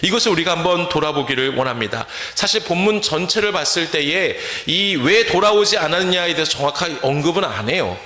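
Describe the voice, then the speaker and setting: A man's voice: a little high, sharp tone. A male pastor from central Korea, preaching a sermon and often asking the congregation questions to draw their answers. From Chungcheong, Korea. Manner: asks the congregation questions and leads call-and-response. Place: church sanctuary. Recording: echoey church hall.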